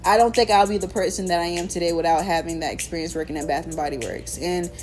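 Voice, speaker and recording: A woman's voice: fairly low pitch, quick pace, soft background music. A young American woman hosting her own podcast, talking casually and candidly with lots of slang and swearing while telling stories. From United States. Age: young adult. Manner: candid, profane, animated storytelling with slang. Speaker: podcast host. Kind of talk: casual solo podcast chat.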